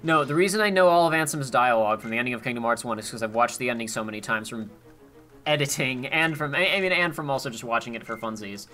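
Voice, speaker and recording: This let's play co-host has a medium-pitched voice that moves at a quick pace, bright and forceful. He chats casually over the game, rambling and self-correcting with frequent restarts, while faint game music plays behind him.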